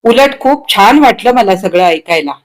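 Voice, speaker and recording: A woman's voice: mid-range voice, expressive, normal speed, lightly acted. A woman reading a story aloud, voicing a timid, polite woman writer who speaks hesitantly and apologetically.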